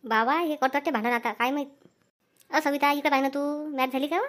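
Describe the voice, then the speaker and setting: A woman's voice: high-pitched, fairly even intonation, a little fast, fairly bright tone. A woman voicing a meek young husband who pleads and tries to placate his wife in a cartoon comedy. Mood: placating.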